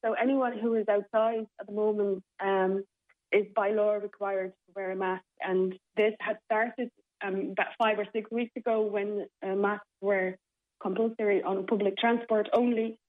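A woman's voice: mid-range voice, little pitch movement, normal speed. A woman from the Republic, a theatre programme manager, speaking as a radio interview guest in a hesitant way with many fillers. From Czech Republic. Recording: tinny phone line.

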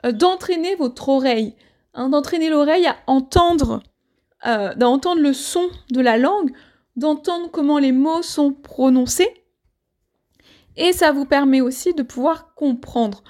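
A woman with a notably high voice gives a language lesson. She explains patiently, one step at a time, and comes back to her main points to make sure they land. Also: measured pace, darkish tone. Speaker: French teacher. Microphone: audio only, speaker not seen.

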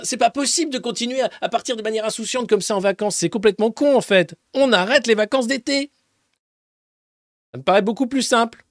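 A man hosting a press review, talking in a casual, mocking way. He swears freely and swings between loud outbursts and muttered asides. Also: sits high, dry recording, clean studio sound. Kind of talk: casual sarcastic press commentary.

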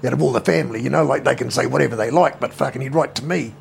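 A man's voice: medium pitch, rapid-fire, vocal fry, a little hiss or hum. A man in his fifties with a New Zealand accent, telling family stories in a casual interview, blunt and swearing constantly. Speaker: interviewee, brother.

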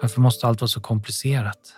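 A man narrating an audiobook in a calm, even storytelling manner. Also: mid-range voice, slightly rough, no echo, soft background music.

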